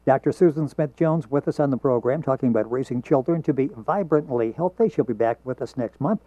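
A man's voice: mid-range voice, a little fast, mellow, dry recording. A man hosting a radio talk show, interviewing a guest, heard as recorded off the radio. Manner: friendly, leading the guest through tips. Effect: heard as taped off the radio. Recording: dull, dry radio broadcast recording.

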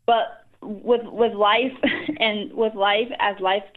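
A woman from Liberia, a guest author, answering interview questions earnestly, often pausing with ums. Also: mid-range voice, fairly even intonation. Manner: earnest, hesitant with frequent ums. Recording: phone-like line.

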